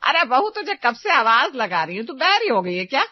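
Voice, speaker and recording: Woman voicing a shrill scolding old mother-in-law. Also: big pitch swings, normal speed, no echo. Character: nagging elderly mother-in-law, scolding and loud. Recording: dry, slightly dull lo-fi sound.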